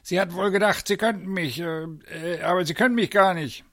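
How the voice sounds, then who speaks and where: A man voicing a blustering, flustered male zoo director who sputters in a high, indignant voice. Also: normal speed, a bit bright. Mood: gloating.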